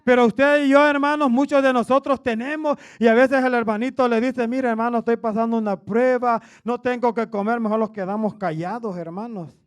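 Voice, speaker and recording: A man preaching a sermon in a loud, booming voice, calling his listeners "hermano" after nearly every phrase. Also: steady tone, a little fast, few pauses, clear, resonant tone.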